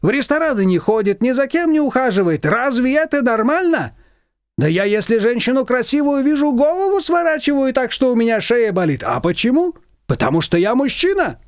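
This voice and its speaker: A man's voice: very high-pitched, very animated, a little fast, clean tone, no room sound, clean studio sound, pitched above the performer's own voice, full character voice. A man voicing a talkative, boastful old taxi driver who rambles indignantly. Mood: chatty.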